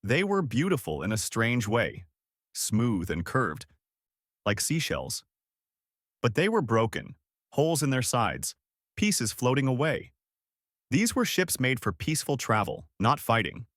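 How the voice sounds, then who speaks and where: A male narrator reading a sci-fi adventure story aloud, his pitch moving in a lively way. The recording is dry and close, with no room sound. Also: a little slow, dry recording. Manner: steady, expressive storytelling.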